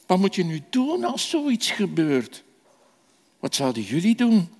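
A man telling a children's sermon, animated and asking the children questions. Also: high-pitched, measured pace. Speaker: children's preacher. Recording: echoey hall reverb.

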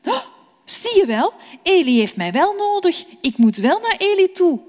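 A woman's voice: very high-pitched, sing-song, moderate pace, a little mellow, pitched above the performer's own voice. A woman voicing young boy Samuel, eager and earnest, in a storybook reading. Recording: long reverb.

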